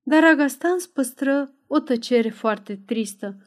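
A woman reading an adventure novel aloud in measured audiobook narration. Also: sits high. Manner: measured storytelling, raises voice for dialogue.

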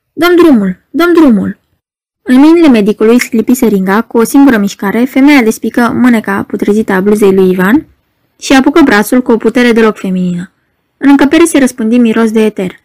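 A woman narrating a novel in a steady, scripted audiobook reading. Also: fairly high pitch.

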